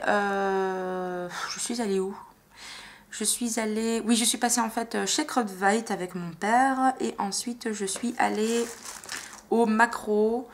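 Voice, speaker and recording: A woman vlogger chats about her makeup buys in a casual, gushing way, filling her sentences with hesitations. Her pitch sits in an everyday middle range. A faint hiss of background noise runs under her voice. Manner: chatty, enthusiastic, many fillers. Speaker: beauty vlogger. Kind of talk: casual vlog chat.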